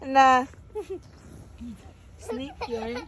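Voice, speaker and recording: A woman's voice: sits high, flat delivery, extremely slow, a crowd in the background, low-quality recording. A young woman, a mother filming her child, talking in a playful, coaxing singsong and mixing in English words. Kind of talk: casual home video chat with a child.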